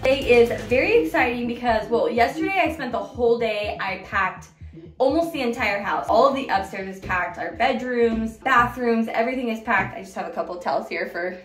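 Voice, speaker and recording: A young woman talking into a phone held at arm's length in a bedroom at home. Her voice sits a little high, and her chat is lively and expressive, with easy laughs. Soft music plays underneath. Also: brisk. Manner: chatty, expressive, laughs easily. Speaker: vlogger, mother. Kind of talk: casual vlog chat.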